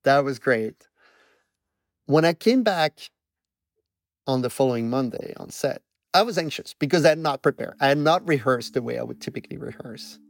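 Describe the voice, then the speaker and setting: This guest, an emotion researcher with a Belgian French accent, speaks in a mid-range, expressive, gravelly voice at a moderate pace, taking long pauses. Thoughtful and self-deprecating, he explains his research and recounts a personal story in a conversational interview, captured at studio quality with no room sound.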